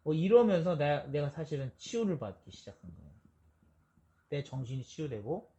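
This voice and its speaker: A man's voice: a little high, sing-song, normal speed, dark tone, highs cut off. A man preaching a conversational sermon as a pastor, moving between formal prayer phrasing and blunt everyday speech.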